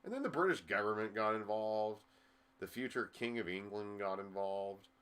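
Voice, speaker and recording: A man's voice: lowish voice, normal speed, a bit bright, clear, resonant tone. A man co-hosting a casual sports chat, laid-back and rambling, swearing now and then. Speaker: podcast co-host.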